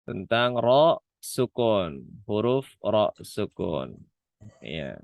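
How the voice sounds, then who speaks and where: A man's voice: on the low side, very animated, extremely slow, creaky, darkish tone, no echo. A man teaching Quran letter pronunciation in an online class, patiently demonstrating sounds again and again. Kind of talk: online Quran reading lesson.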